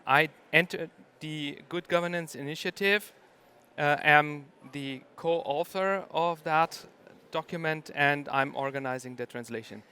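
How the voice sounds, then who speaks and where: A middle-aged man giving a conference talk, stopping often to hesitate. His voice sits fairly high and sounds bright, clear and crisp through the microphone. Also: unhurried. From Germany. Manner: hesitant, many ums and uhs. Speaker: conference speaker.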